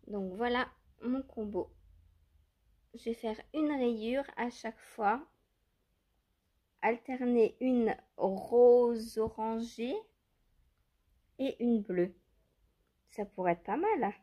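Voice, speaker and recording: Woman, knitting vlogger, slow unhurried talk, higher voice, hesitant musing chat, handheld phone at home. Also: dark tone. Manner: hesitant, musing, many fillers and self-questions. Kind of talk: casual thinking-aloud chat to viewers. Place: at home among her yarn stash.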